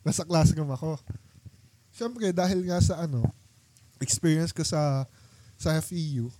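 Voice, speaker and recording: A man's voice: on the high side, a little slow, mellow, dry recording. A young man hosting a casual chat with old friends, telling a story in a rambling way with many fillers. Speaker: podcast host.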